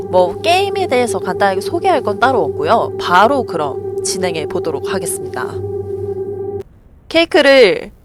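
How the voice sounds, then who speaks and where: A woman giving let's play commentary on a tense game, alternating yelps with hushed self-soothing mutters. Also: mid-range voice. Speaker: gaming YouTuber.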